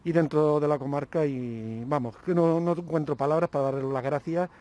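A man's voice: a little high, a little fast, warm tone. A man interviewing a guest for local television, speaking formally in long, winding sentences. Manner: formal, long-winded phrasing.

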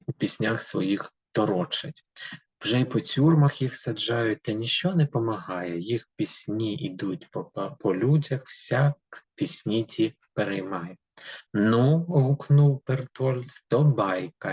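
A man's voice: fairly low pitch, darkish tone, husky, no room sound. A man teaching a literature lesson who reads a poem aloud with emphasis and then explains it to pupils with many fillers. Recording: dull, lo-fi dry recording.

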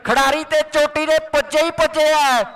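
Frantic high-pitched man, rural Punjabi sports commentary. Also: level tone, moderate pace, fairly bright tone. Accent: Punjabi from Indian Punjab's Malwa region. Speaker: kabaddi match commentator.

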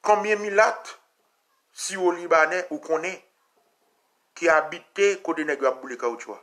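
A man with a Haitian accent giving an impassioned political talk, repeating phrases and sometimes shouting. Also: on the high side, moderate pace. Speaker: commentator.

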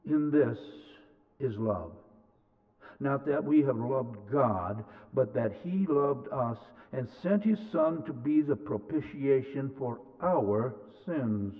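Scripture is read slowly and deliberately by a middle-aged man at medium pitch, expressive as he speaks from the pulpit. Captured through a pulpit mic and a distant camera, the sound is thin and phone-like, with long reverb following every phrase around the sanctuary.

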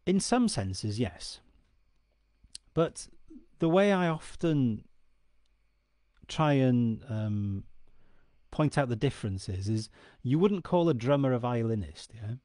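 A man in his forties, a native Welsh speaker, explains Celtic myth to camera in a dark indoor room, earnestly and often checking in with the listener. His mid-range voice is dark-toned and very animated, slow-paced with long pauses. A close studio mic on a stand gives clean sound with no room tone.

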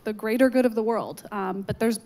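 A woman's voice: fairly high pitch, fairly quick, darkish tone. Young woman panelist, reassuring tone. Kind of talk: panel discussion. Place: large atrium stage with audience. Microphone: handheld mic.

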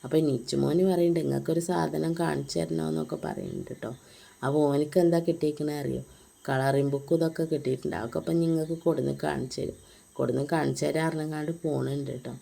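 A woman's voice: low-pitched, fairly even intonation, fast talker, creaky, warm tone. A woman with a Malappuram Malayalam accent, chatting casually to viewers in a home family vlog. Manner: chatty, addresses viewers with frequent tag words. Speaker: family vlogger.

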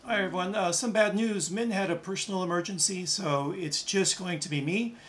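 A middle-aged man hosting a reaction video, talking casually and enunciating carefully with small pauses. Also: high-pitched, a bit bright.

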